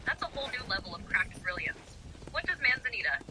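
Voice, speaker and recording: A woman's voice: on the high side, very animated, fast talker. A woman as an AI chatbot companion, speaking in earnest, slangy, theatrically poetic conversational monologues. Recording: clear video game noise behind voice.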